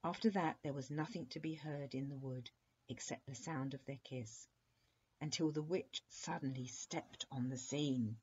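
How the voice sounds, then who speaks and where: A woman reading a bedtime story aloud in a slow, steady, soothing way, on a dull lo-fi recording. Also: very deep voice, husky. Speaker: storybook reader.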